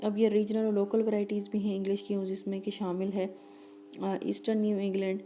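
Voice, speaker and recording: Woman lecturing with a dark, mellow voice. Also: mid-range voice, completely flat delivery, soft background music. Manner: reads English lines slowly, explains quickly with fillers. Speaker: teacher. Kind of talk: lecture reading English text, explaining in Urdu.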